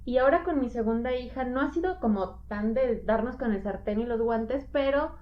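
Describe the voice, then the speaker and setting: A woman on a podcast talks through her own experience with lively, storytelling energy. Her voice sits fairly high. The recording sounds muffled and lo-fi. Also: moderate pace. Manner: animated storytelling, acts out quoted dialogue. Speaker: podcast co-host sharing divorce experience. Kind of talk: casual podcast conversation. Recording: dull lo-fi audio.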